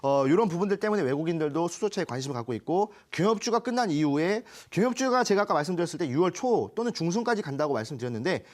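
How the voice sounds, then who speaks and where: A man's voice: on the high side, lively intonation, fast talker, few pauses. A man from Chungcheong, Korea, giving stock advice on a TV show, chatty, with homely analogies and frequent self-corrections. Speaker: stock market expert. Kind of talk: stock consultation on TV.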